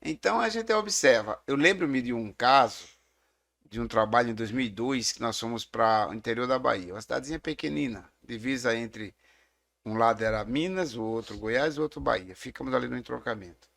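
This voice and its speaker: A man's voice: medium pitch, animated, a little fast, vocal fry, a bit bright. A middle-aged man with a Brazilian Portuguese accent, a theology teacher speaking as a guest. He talks in a reflective, explanatory way and tells stories in a casual discussion.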